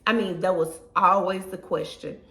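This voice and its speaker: A woman's voice: fairly low pitch, steady tone, moderate pace, fairly bright tone. A woman in her thirties telling a personal story to her viewers in a casual, emotional way, often saying "y'all". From Southern US. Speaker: lifestyle vlogger. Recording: echoey room.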